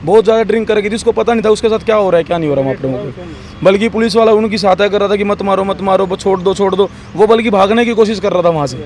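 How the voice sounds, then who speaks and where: A man's high, rushed voice speaks into a reporter's mic outdoors. Faint street noise sits behind him as he tells what he saw, urgent and polite. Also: a little mellow. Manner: urgent, adds polite "ji" and "sir" often. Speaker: eyewitness friend. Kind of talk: street interview.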